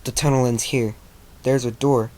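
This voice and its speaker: A man reading as a calm clever young mare. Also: mid-range voice, normal speed, slight background noise, natural voice. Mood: focused. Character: clever young female pony leader, calm.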